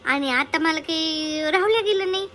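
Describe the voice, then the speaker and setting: A woman performs a village comedy sketch. Her voice is very high and bright, and she talks in a chatty, fussing, rambling way. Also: normal speed.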